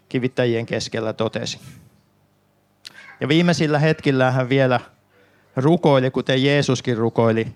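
Creaky-voiced man teaching scripture calmly. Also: medium pitch. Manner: calm, explanatory, speaks directly to listeners. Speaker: preacher. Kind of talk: sermon explaining a Bible passage.

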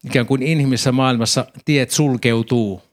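A man preaching a sermon, calmly explaining scripture and reading passages aloud. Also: mid-range voice.

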